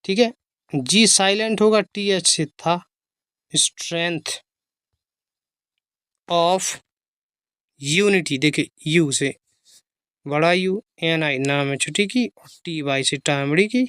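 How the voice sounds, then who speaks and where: An English teacher giving a slow phonics reading lesson, spelling each word out letter by letter and explaining how to pronounce it. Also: medium pitch, fairly bright tone, clean tone, dry recording, clean studio sound. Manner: spells letters aloud one by one, patient and explanatory.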